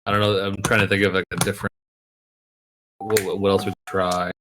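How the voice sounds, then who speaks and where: Lower-voiced man musing on a voice call. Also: level tone, a little fast, background noise. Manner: musing, uncertain, repeats himself. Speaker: player. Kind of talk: casual chat over voice call.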